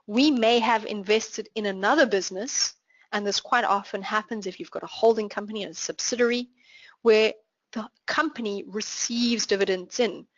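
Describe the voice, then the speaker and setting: A woman's voice: mid-range voice, normal speed, no echo. A woman with a South African accent explains accounting ideas step by step, the way a patient instructor would. Her voice sits in a middle register and is recorded dry, with a slightly muffled quality. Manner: clear explanatory teaching with worked examples. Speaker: finance instructor. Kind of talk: live online class lecture.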